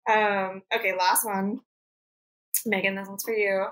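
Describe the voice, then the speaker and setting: Bright-voiced woman hosting a playful quiz. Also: mid-range voice, level tone, poor audio. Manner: playful, laughs often, quick asides. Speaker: podcast host and producer. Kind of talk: casual quiz chat.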